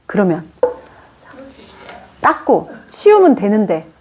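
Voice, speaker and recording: A woman teaching a class on fortune-telling in an informal lecture, telling lively stories with acted-out quotes and asking her students questions. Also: mid-range voice, slow, breathy edge. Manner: chatty, poses questions to the class. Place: lecture room.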